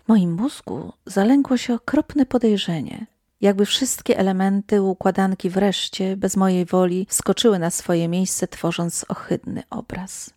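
A woman telling a first-person horror story in scripted narration, hushed and sometimes sinking to a whisper. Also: mid-range voice, unhurried, no room sound, studio quality.

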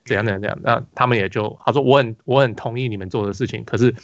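Hosting a laid-back basketball podcast, a medium-pitched man with a Taiwanese Mandarin accent talks in rapid-fire bursts, telling a meandering story full of false starts and fillers. The recording is dry and the audio dull.

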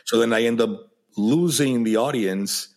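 A podcast host with a mid-range voice speaks a little slowly in a conversational interview. English is his second language after Spanish, and he often repeats words while searching for the right ones.

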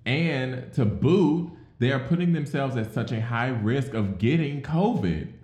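A man co-hosting a casual podcast, wry and quick with short agreeing asides. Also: mid-range voice, expressive, darkish tone, echoey room. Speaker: podcast co-host.

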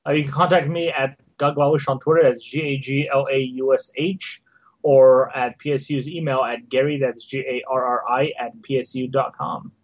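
Male podcast panelist. Medium-pitched, conversational delivery, recorded very dry. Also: fairly even intonation, normal speed, dry recording, low-quality recording. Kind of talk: casual chat.

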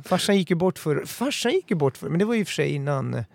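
Playful gravelly-voiced man on a podcast. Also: fairly high pitch, big pitch swings, no echo. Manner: playful, jokey, plays with words. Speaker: podcast co-host. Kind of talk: casual podcast chat.

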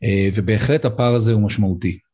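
Middle-aged doctor guy on a podcast, dark mellow voice, lots of uhs. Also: lowish voice, breathy edge. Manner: hesitant, frequent "uh" fillers. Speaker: guest, emergency medicine physician. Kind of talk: podcast interview, personal account.

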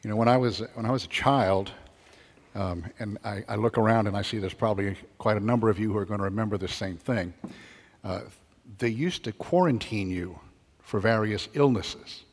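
A man's voice: lowish voice, moderate pace. An older man speaking as a deacon to a congregation in a church. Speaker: deacon giving gospel reading and homily. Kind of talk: liturgical reading and conversational homily. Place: large church, over a PA. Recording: long cathedral-like echo of a church.

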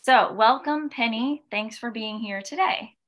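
A woman's voice: a little high, measured pace, a bit bright. Upbeat woman in her thirties, podcast host, encouraging casual delivery. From American Midwest.

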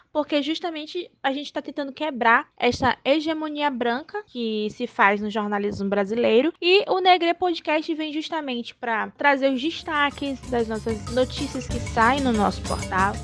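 A woman's voice: a little high, moderate pace, soft background music. A woman journalist and podcast co-host answering interview questions in an earnest, conversational way, often repeating words while she thinks.

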